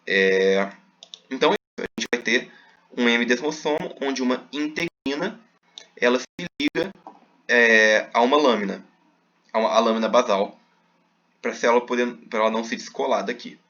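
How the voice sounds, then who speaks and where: A man's voice: medium pitch, moderate pace, a bit bright, lo-fi sound. A man teaching a recorded class, explaining step by step with many fillers.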